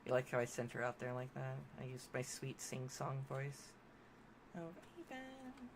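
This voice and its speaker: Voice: mid-range voice, monotone, moderate pace, vocal fry, background noise. A game streamer giving casual gameplay commentary, chatty and thinking aloud while building.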